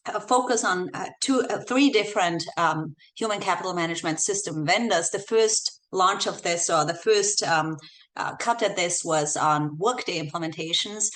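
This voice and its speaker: Her voice lowish yet fairly bright, an Austrian guest researcher with an Austrian accent speaks at normal speed, explaining a report in a podcast interview and often saying um and uh. She's in her home office in the Bay Area.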